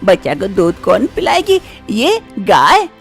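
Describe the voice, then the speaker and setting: A woman voicing an anxious elderly village mother-in-law who fusses in a shrill, urgent voice, with lively swings in pitch. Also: takes it slowly, soft background music, heavily acted. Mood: fretful urging.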